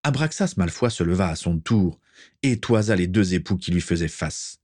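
A man narrating a story aloud in a steady, measured way. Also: deep voice, no echo, clean studio sound. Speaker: reader. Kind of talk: audiobook narration.

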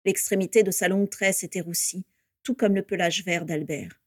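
A woman reading a story aloud with steady, measured narration. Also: fairly low pitch, dry recording, clean studio sound.

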